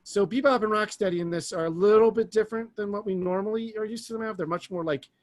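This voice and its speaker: A man's voice: high voice, quick pace. A man co-hosting a podcast, telling stories in a rambling, enthusiastic casual chat. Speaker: podcast co-host.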